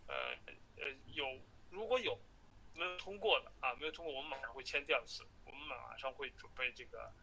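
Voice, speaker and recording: Guy on a phone call recording, agent pitching stuff, lots of uh uh, quick bright voice, bit of hiss. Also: sing-song, gravelly. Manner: hesitant, many filler sounds, reassuring. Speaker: immigration agent.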